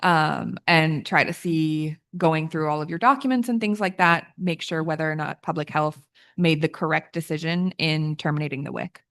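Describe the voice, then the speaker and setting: Woman, panelist, measured, precise, very low voice. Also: a bit bright. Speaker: panelist offering case help. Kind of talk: explaining at a public panel.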